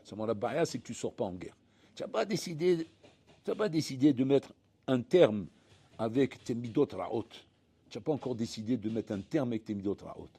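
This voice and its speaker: Man, rabbi, Torah class, husky voice, dark tone, theatrical, acts out dialogues. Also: mid-range voice. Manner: animated, acts out dialogues, frequent restarts. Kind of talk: lively spoken Torah lesson.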